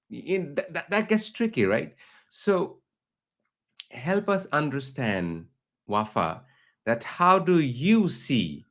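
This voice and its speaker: A middle-aged man from Bangladesh, a teacher and researcher, interviewing a guest online with long, earnest questions. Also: on the high side. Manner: earnest, builds up long questions, rising emphasis.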